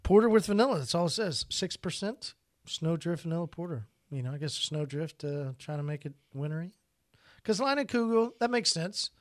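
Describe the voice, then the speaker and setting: A man's voice: a little high, lively intonation, moderate pace. A man co-hosting a casual podcast chat, talking in loose rambling phrases that restart and repeat as he tastes beer. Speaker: podcast co-host.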